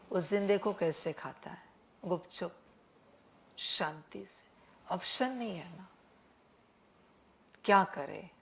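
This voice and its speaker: A woman delivering a spiritual sermon at an unhurried, measured pace, speaking to her listeners as children. Her voice sits at an ordinary middle pitch. She scolds them gently and circles back to the same points, dropping in English words now and then. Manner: mixes English words into Hindi. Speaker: spiritual teacher.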